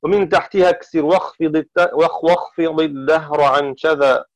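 A man teaching variant Quran readings, deliberate and methodical, slowing down to intone the quoted verses. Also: fairly high pitch, steady tone, no echo. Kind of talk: explaining variant Quran recitations. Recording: dull dry lo-fi recording.

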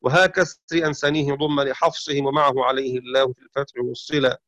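A man teaching the variant readings of the Quran, explaining rules and slowly sounding out words to demonstrate pronunciation. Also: medium pitch, level tone, fairly bright tone, no room sound, dull audio. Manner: explanatory, slows down to sound out words, self-correcting. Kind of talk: religious lesson on recitation variants.

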